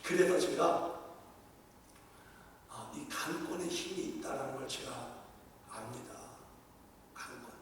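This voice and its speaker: A man's voice: medium pitch, slow pace, pauses often, slight background noise. A man, a senior pastor, preaching a sermon and telling stories that act out dialogue. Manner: storytelling, acts out dialogue with his mother. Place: large church sanctuary. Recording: echoey hall from far off.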